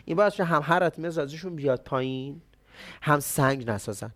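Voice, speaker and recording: A man giving an explanatory talk on traditional medicine, speaking conversationally and answering his own rhetorical questions. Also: on the high side.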